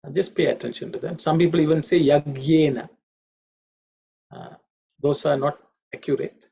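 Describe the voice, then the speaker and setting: Male Sanskrit teacher, gravelly and slightly raised voice, patient drilling, dull lo-fi line. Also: on the high side, dark tone. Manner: patient, repeats pronunciations slowly. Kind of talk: online class lecture. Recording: dull lo-fi audio.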